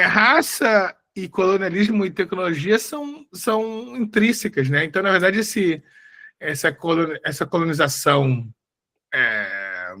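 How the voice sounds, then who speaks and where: A man's voice: high-pitched, sharp tone. A man from Rio de Janeiro with a Carioca accent, a professor telling a story during a lecture, who often restarts his sentences. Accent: Carioca Brazilian Portuguese. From Rio de Janeiro, Brazil.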